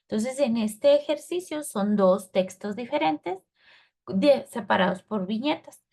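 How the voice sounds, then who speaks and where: A woman's voice: on the high side, expressive, unhurried, dark tone. A woman teacher, explaining a lesson patiently and often checking with her students. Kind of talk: recorded class lesson.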